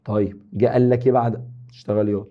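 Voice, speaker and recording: A man's voice: fairly low pitch, level tone, racing, muffled recording. A man with an Egyptian Arabic accent teaching an exam review lesson, joking and teasing his students as he explains.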